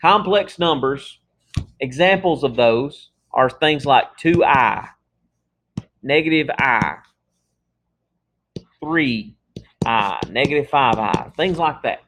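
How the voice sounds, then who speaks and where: A man's voice: mid-range voice, lively intonation, slow pace, pauses often, fairly bright tone. Guy teaching math, laid back, keeps asking "okay?", medium voice. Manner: casual, talks through examples with frequent "okay?" checks. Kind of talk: classroom math lecture.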